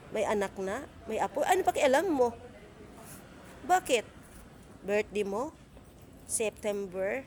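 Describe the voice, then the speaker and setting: A woman's voice: medium pitch, darkish tone, a little hiss or hum. A middle-aged woman vlogging in a casual rant, indignant and scolding, with lots of rhetorical questions. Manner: talkative, asks rhetorical questions.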